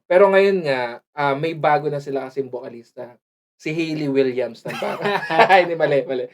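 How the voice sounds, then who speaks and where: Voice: medium pitch, moderate pace, a crowd in the background. A podcast co-host in casual chat who laughs often, mixes English phrases into the talk and often stops to search for a word.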